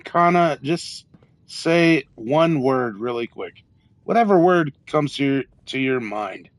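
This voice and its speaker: A man hosting a casual live game stream, talking in a loose, rambling, drunk manner with a gravelly voice. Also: mid-range voice, expressive, takes it slowly, no room sound. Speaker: livestream gamer host.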